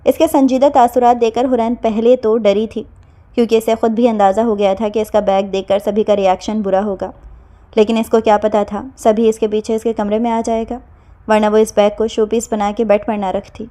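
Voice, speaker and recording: A woman narrating a romance novel in a steady, expressive storytelling voice. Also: on the high side. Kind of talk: scripted audiobook narration.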